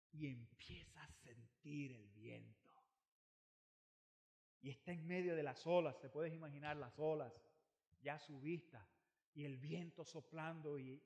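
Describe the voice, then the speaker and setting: A man preaches with a high voice and an unhurried pace, retelling a scripture story like a drama. He pushes some lines out loud and lets others fall almost to a hush. He repeats key phrases to hammer them home. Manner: dramatic, swings between loud emphasis and near-hushed lines. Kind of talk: storytelling sermon.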